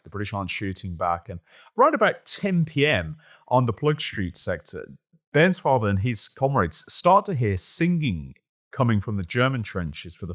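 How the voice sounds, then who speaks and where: A man hosting a history podcast, reading a long first-hand account aloud in an expressive storytelling manner. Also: on the low side. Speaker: podcast host.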